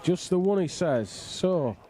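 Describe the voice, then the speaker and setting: Middle-aged man, higher-pitched mellow bowls commentator. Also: expressive, slow pace. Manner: jokey, bantering. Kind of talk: casual live sports commentary. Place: outdoors on a flat roof in the rain.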